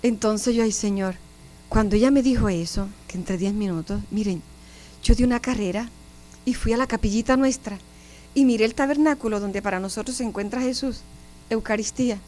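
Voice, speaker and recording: A nun in her fifties with a Puerto Rican accent shares her testimony in an interview. Her voice sits on the high side and sounds mellow and warm. She tells it vividly and keeps turning to her listeners. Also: fairly quick. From Puerto Rico. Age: 50s. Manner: animated storyteller, often addresses listeners directly.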